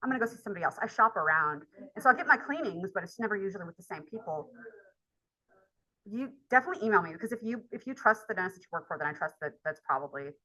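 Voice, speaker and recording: A woman college instructor tells a rambling, chatty personal story in a casual lecture, with plenty of filler words. Her mid-range voice is bright and forceful, fast, with lively intonation, and the recording is rough.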